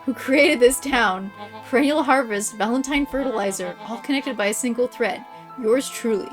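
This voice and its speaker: A woman voicing a pompous villain mastermind in a boy's body for a story game, with slow, theatrical, condescending menace. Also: fairly high pitch, soft background music, lightly acted. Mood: grandiose menace. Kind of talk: voiced reading of story game dialogue.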